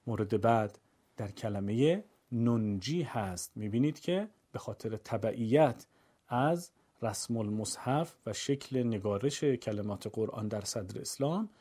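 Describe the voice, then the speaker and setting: A man teaching a Quran recitation lesson, calmly explaining the rules and then chanting the verses slowly and melodically. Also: on the low side, breathy edge. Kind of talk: tajweed lesson.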